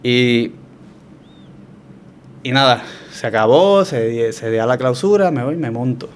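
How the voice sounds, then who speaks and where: A man with a Puerto Rican Spanish accent, telling his story as a guest in a relaxed, reflective way with frequent restarts. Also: medium pitch, a little slow, a little hiss or hum. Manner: reflective, hesitant with many restarts. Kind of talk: conversational testimony.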